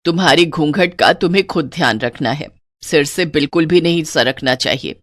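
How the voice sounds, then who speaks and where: A woman's voice: sits low, moderate pace, fairly bright tone, no echo, pitched below the performer's own voice. A woman voicing a strict, old-fashioned elderly mother-in-law who talks in a stern, scolding way.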